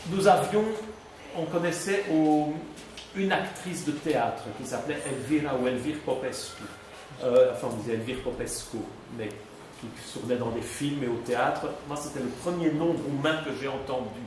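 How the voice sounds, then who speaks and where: Speaking at normal speed in a mid-range, slightly mellow voice, a guest from Belgium fields students' questions in a high school classroom. His spontaneous talk is friendly but halting, packed with fillers and false starts, captured in an echoey room with background noise.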